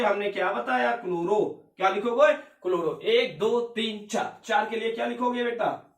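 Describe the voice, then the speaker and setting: A male chemistry teacher lecturing a class, firing questions at his students and answering them himself, calling them beta and bhaiya. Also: very high voice. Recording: echoey room, voice from far off.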